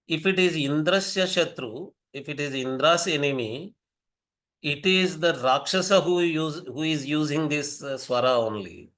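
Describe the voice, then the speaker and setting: Older Indian man lecturing, higher-pitched. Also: a bit bright. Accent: Indian English. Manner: measured, repeats and rephrases himself, fillers. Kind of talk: explanatory lecture.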